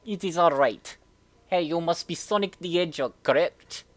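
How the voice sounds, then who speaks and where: A woman's voice: fairly low pitch, moderate pace, close to an everyday voice. A woman reading the lines of a polite young British woman meeting a stranger, with formal, courteous phrasing. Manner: formal, courteous phrasing read aloud from a script.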